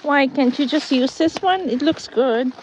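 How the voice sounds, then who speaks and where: A woman's voice: high voice, unhurried, crowd noise. A woman chatting casually outdoors, giving short, easygoing, agreeable replies from behind a camera. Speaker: companion filming the builder. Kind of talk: casual chat, short reactions. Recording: muffled outdoor audio with clear noise.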